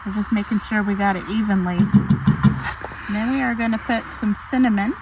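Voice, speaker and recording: A middle-aged woman with an Arkansas Southern accent hosts an outdoor cooking vlog in the snowy cold, chatting in a casual, folksy way as she demonstrates. Her medium-pitched voice stays fairly even at a moderate pace, and the outdoor camera audio is noisy.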